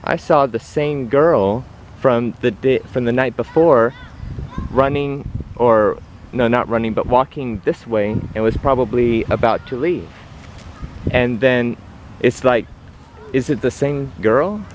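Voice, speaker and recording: A man's voice: medium pitch, a little slow, a little hiss or hum. A young man earnestly retelling a story while walking through an outdoor park, with many restarts and repetitions. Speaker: vlogger. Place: outdoor park near traffic.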